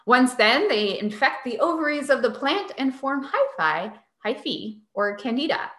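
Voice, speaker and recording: Bright, lively woman podcast host. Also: high-pitched, measured pace, echoey room. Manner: sarcastic, chatty explainer. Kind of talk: casual science podcast chat.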